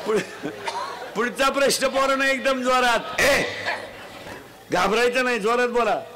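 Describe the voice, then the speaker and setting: A man giving a humorous moral sermon to a festival crowd, teasing and quizzing the children loudly. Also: very high-pitched, a little slow. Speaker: folk preacher addressing a crowd. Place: outdoor festival gathering. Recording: noisy live crowd recording.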